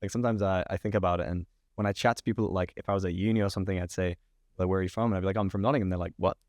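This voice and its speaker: A young man in his twenties, a podcast guest chatting in a relaxed, upbeat way and laughing often. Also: sits low, rapid-fire, no echo, clean studio sound. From England. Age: 20s. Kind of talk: casual podcast chat.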